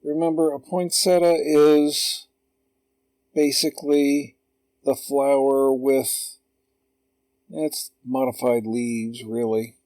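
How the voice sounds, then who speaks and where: A man narrates a digital drawing lesson over his screen recording, walking through each step in a calm, patient way. He speaks slowly and deliberately at a middle pitch. The sound is dry, with no room echo. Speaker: drawing tutor. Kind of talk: slow screen-recorded tutorial.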